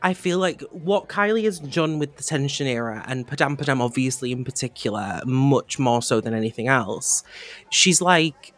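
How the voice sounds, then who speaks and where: A man's voice: medium pitch, expressive, normal speed, fairly bright tone. A man co-hosting a podcast, talking in an earnest, gushing way and often restarting his phrases. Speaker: podcast co-host. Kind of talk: casual fan chat.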